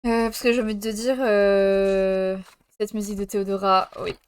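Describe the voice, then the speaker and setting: A woman's voice: medium pitch, flat delivery, normal speed, smooth. A young woman live-streaming from France, chatting casually with viewers and laughing while she jokes in mock Spanish.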